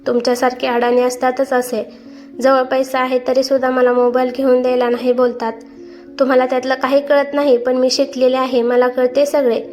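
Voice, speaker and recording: A woman's voice: high voice, flat delivery, moderate pace, darkish tone, soft background music, close to an everyday voice. A woman voicing a rude, demanding young wife who complains shrilly, in a storybook reading.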